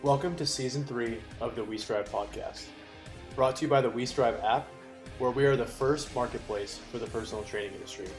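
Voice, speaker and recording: Male podcast host, upbeat and jokey, middle pitch, music bed behind. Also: brisk. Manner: upbeat, joking. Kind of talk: podcast intro and casual interview.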